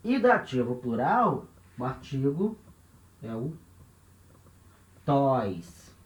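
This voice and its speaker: A man's voice: mid-range voice, very animated, drawn-out words. A man with a Brazilian Portuguese accent teaching a grammar lesson at a board, patient, repeating key points and checking in with listeners as he goes. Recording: roomy echo.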